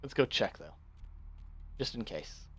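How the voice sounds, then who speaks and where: A man's voice: on the low side, big pitch swings, measured pace, slightly rough. A man giving casual gameplay commentary, muttering to himself as he searches. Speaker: video game player.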